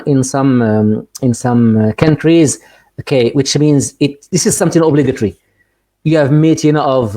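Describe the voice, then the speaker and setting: A middle-aged Moroccan man with a mellow, darker tone speaks to teachers over a video call. He talks earnestly, stumbling and repeating words, then jumps up in pitch to stress key ideas. His Moroccan accent is clear throughout. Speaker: guest speaker, ELT supervisor. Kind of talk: webinar lecture and Q&A.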